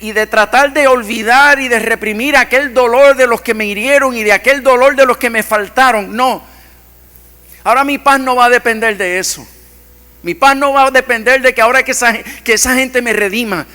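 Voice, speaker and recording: Impassioned high-voiced preacher in a hall. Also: male voice, clean tone. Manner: impassioned preaching, swings from loud to hushed. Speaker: pastor. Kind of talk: sermon. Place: church hall. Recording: long church-hall reverb.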